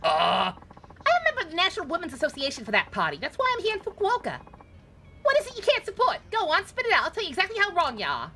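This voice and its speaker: A woman's voice: extremely high pitch, wildly swooping pitch, quick pace, pushed and bright, a little hiss or hum, voice pushed up, full character voice. A woman voicing a brash, bossy woman taxi passenger from out of town, with a put-on Southern drawl. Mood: teasing. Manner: gruff, bossy, jokey.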